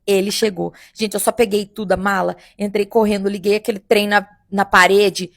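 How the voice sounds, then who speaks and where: Brief: young woman, makeup artist, gravelly, dry close mic, casual animated storytelling. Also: medium pitch, moderate pace, no echo. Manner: animated, addresses listeners as "gente". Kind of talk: casual first-person storytelling.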